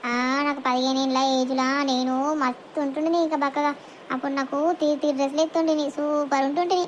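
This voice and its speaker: A high voice doing a boastful Telangana village auntie. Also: flat delivery, lightly acted. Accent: Telangana Telugu. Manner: brash, gossipy, quick banter. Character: chatty middle-aged village woman, boastful. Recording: faint background noise.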